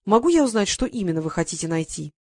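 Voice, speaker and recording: A man's voice: sits high, sing-song, quick pace, darkish tone, no room sound. A stern aristocratic lord with a commanding, clipped manner, as an audiobook reader puts him on. He presses with question after question, cold and unbending. The sound is dry and close, with no room around it. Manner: stern, interrogating.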